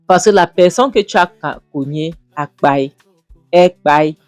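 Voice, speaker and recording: A woman's voice: lowish voice, unhurried, a little mellow, no echo, natural voice. Woman doing a pushy suspicious husband, keeps grilling, bit of music underneath. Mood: accusing. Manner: pressing, accusing questions. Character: suspicious scheming husband, demanding.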